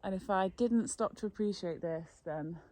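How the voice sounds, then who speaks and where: A woman farmer narrating a casual outdoor vlog on a frosty morning, soft-spoken and reflective, a little out of breath. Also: medium pitch, moderate pace, no echo. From England. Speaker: farmer and vlogger.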